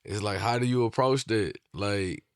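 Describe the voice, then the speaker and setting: A man in a casual podcast chat, measured and thoughtful, posing questions to the group. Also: on the low side, clear, resonant tone, no room sound, clean studio sound. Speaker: podcast co-host.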